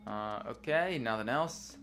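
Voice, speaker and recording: A man's voice: medium pitch, expressive, measured pace, fairly bright tone. A young man giving casual, informal, rambling gameplay commentary as the host of a let's play. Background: game music.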